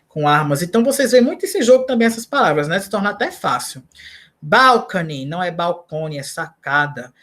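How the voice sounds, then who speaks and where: Brazilian woman teaching English vocabulary. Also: fairly low pitch. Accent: Brazilian Portuguese. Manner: explains false cognates, corrects herself, asks "né?" and "tá?". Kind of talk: recorded lesson for students.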